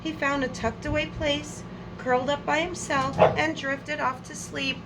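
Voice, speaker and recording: Over a very noisy background, a woman with a high voice expressively reads a picture book aloud to young children at storytime. She draws out her words and speaks to her audience as friends, adding friendly asides along the way.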